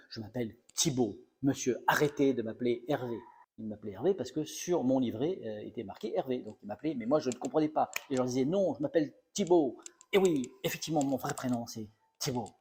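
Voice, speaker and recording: A man's voice: mid-range voice, mellow, slight background noise. A middle-aged male comedian telling a self-mocking story in a mock-serious, playfully exaggerated comic monologue.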